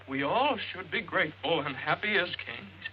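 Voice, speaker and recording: A sing-song radio poem reader. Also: male voice, a little high, slight background noise. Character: man reading a sugary poem on the air. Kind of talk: 1940s film acting. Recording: muffled old film soundtrack.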